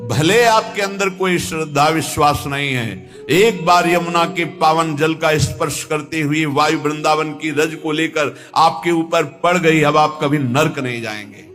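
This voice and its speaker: A man giving a devotional discourse as a spiritual teacher, slow and emphatic, breaking into chanted verses. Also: a little high, fairly bright tone, soft background music. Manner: chants Sanskrit verses in a slow sung tone between plain explanation.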